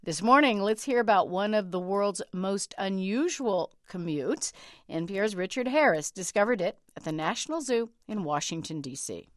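A woman's voice: mid-range voice, expressive, normal speed, no room sound. Dry-sounding American female radio host. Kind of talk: scripted broadcast introduction. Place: radio studio.

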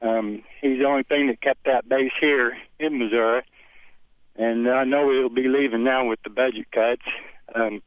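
A man calling in to a talk show over a clipped phone line, speaking haltingly with many pauses and ums. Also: medium pitch, steady tone, no echo. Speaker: caller.

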